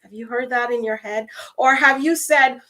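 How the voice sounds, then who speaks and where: A woman from Guyana with a Guyanese accent, giving an expressive, conversational motivational talk and calling her listeners her friends. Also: a little high, moderate pace. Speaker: motivational speaker.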